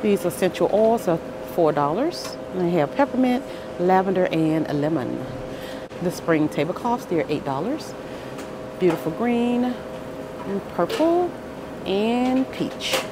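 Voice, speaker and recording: Holding her phone camera, a woman vlogs a shop-with-me tour of a big grocery store's aisles as steady store noise hums around her. Her voice is lowish, swooping and lively; she's upbeat and relaxed in pace, listing items and prices with small exclamations.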